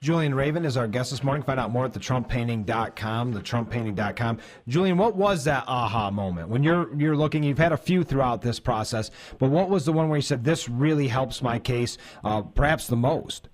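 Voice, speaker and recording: A man's voice: medium pitch, expressive, fairly quick, hardly any pauses. A man hosting a live radio interview from a studio, conversational and prompting his guest with questions. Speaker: radio talk show host.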